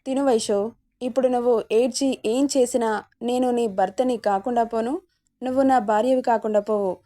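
A woman's voice: on the high side, steady tone, normal speed, dark tone, lightly acted. A woman voicing a possessive young husband who speaks insistently and gives orders. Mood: coaxing. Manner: commanding, insistent.

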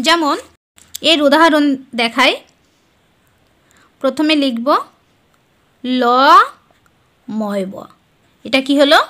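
Woman tutor, high and bright voice, slow careful step-by-step board lesson. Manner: explains step by step, asks and answers her own questions. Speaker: teacher.

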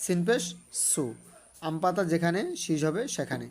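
A man with a fairly high pitch gives an animated Quran reading lesson, his voice patient and measured. He names every letter and vowel sign one by one, then draws out the joined syllables in a sung recitation tone.

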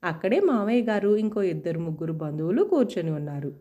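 A woman narrating a romantic family story in an expressive, lively reading. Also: lowish voice, fast talker, lo-fi sound.

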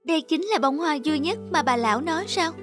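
A woman's voice: high-pitched, expressive, a little fast. A woman voicing a young girl in a cartoon, childlike and emotional. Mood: worried. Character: young girl, spoiled but loving daughter. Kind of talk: cartoon voice acting. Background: music.

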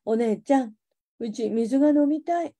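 A woman's voice: high voice, normal speed, warm tone. A woman voicing a badly burned young girl who pleads weakly in Hiroshima dialect. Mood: weak plaintive. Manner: weak, plaintive childlike pleading.

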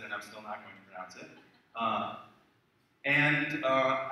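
A man gives a chatty, self-deprecating conference talk, his voice very bright and sharp. It echoes heavily around a large hall, picked up from some distance. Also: mid-range voice. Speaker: conference speaker.

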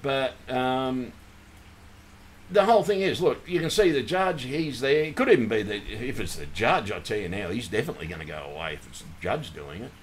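A man's voice: medium pitch, lively intonation, fairly quick, a little hiss or hum. A man rambling through a casual livestream, repeating himself and apologizing as he talks over his screen. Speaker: channel host.

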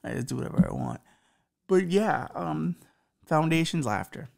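A thirties man with a slight lisp hosts a podcast, rambling profanely and self-mockingly through relationship advice. His gravelly voice runs a little high and expressive at a normal speed.

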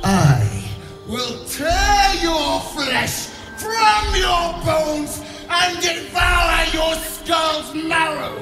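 A wrathful undead queen from a fantasy video game. Her grandiose commands swoop widely in pitch and ring with echo over music. She is menacing and imperious. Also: lively intonation, drawn-out words, raised voice, exaggerated voice. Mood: wrathful threats. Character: imperious, wrathful undying lich queen in ghostly form. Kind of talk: dramatic video game acting.

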